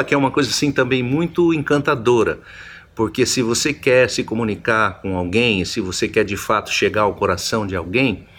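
A man's voice: medium pitch, fairly bright tone. A man preaching a Bible teaching sermon, reflective, often repeating and restarting his phrases as he explains.

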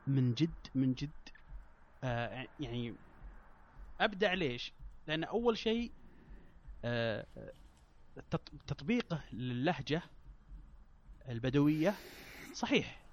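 A man chatting casually as a panelist, halting and repeating himself insistently. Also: mid-range voice, big pitch swings, muffled recording, a little hiss or hum. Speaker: panelist on a film discussion show. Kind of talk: casual chat.

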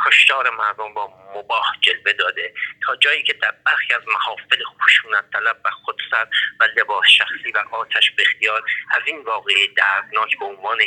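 A man's voice: lowish voice, pushed and bright, slightly rough. A man with an Iranian accent delivers a prepared political statement as a formal, oratorical voice message over a telephone line. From Iran. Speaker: political prisoner, party secretary-general. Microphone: telephone handset. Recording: harsh, thin prison telephone line.

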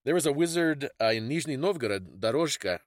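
On this podcast, a male co-host talks about history in a relaxed, conversational way, explaining things like a bookworm. His mid-range voice is animated and fairly quick, and the studio recording is clean and dry.

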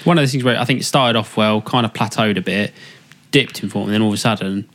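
A man hosting a football podcast in a relaxed, chatty way. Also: lowish voice, fast. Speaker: podcast host. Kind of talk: casual podcast chat.

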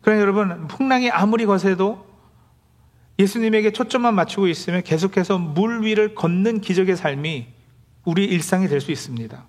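A man with a high voice delivers a sermon in a plain, conversational way. He is middle-aged and preaches as a pastor to his congregation, slipping into acted-out complaints from the people he describes. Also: brisk.

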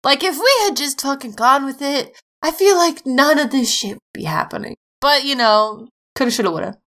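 A woman's voice: sits high, expressive, moderate pace, a bit bright. A young adult woman co-hosting a podcast, chatting casually and sarcastically, swearing and laughing often. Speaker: podcast co-host. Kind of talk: casual chat.

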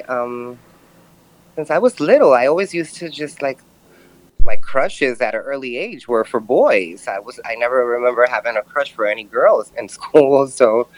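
A podcast guest in their early thirties with a male-sounding, medium-pitched voice. They are from Brooklyn and answer personal questions reflectively, with halting phrasing. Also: rough recording. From Brooklyn, New York. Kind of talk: personal interview.

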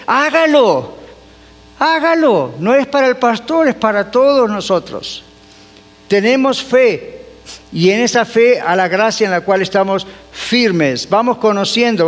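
A male pastor delivers a sermon in a high-pitched voice, putting rhetorical questions to the congregation and answering them himself. He slips English phrases into his preaching. The sound carries a long reverb from a church sanctuary.

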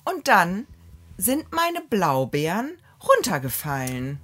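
A woman from Germany co-hosts a relaxed podcast, telling her story with indignation and emphatic repetition. Her pitch swings widely and lively as she gets worked up. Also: takes it slowly. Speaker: podcast co-host. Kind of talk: casual chat.

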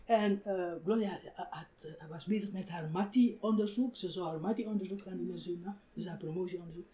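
An older woman, a writer, telling stories in a relaxed conversational interview, animated and laughing often. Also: on the low side, moderate pace. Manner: animated, acts out quoted voices, laughs often. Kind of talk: reflective conversational storytelling.

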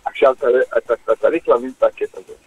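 A middle-aged man with a Croatian accent, a former footballer telling stories as a radio guest, in lively, broken speech. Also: medium pitch, breathy edge, dry recording, muffled recording, faint music behind. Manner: lively, acts out dialogue, broken grammar. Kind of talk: animated storytelling on radio.

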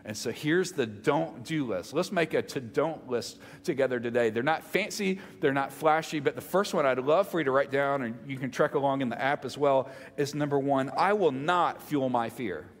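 A man's voice: medium pitch, moderate pace, hardly any pauses. A man with a Southern US accent preaching conversationally to a congregation, emphatic, repeating phrases and putting questions to his listeners. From Mississippi, United States. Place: large reverberant room, speaking to a congregation. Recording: reverberant hall sound.

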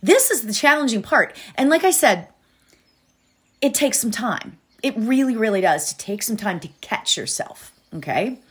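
A woman's voice: a little high, very animated, normal speed, a bit bright, slightly rough. A woman teaching meditation and positive thinking in an informal, encouraging manner, repeating phrases for emphasis. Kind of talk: guided meditation and motivational coaching.

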